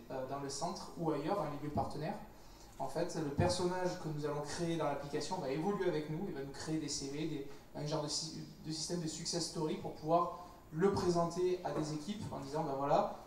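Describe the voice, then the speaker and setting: Panel founder: man, fairly high voice, hesitant with fillers, distant mic. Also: darkish tone, a little hiss or hum. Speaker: e-sport startup founder on a panel. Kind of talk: casual panel talk. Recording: roomy hall mic from far off.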